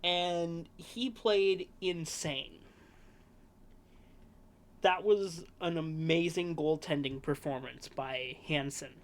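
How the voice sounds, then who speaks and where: Unhurried, higher-pitched male sports host. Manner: relaxed, rambling, with frequent fillers and self-corrections. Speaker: podcast host. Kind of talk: casual sports preview chat.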